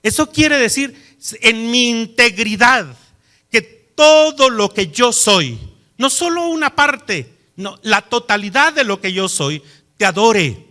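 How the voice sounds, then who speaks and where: A man delivers a sermon as a pastor, his voice pitched high and bright. He tells stories in an animated way and stresses his points with emphasis. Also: slow pace.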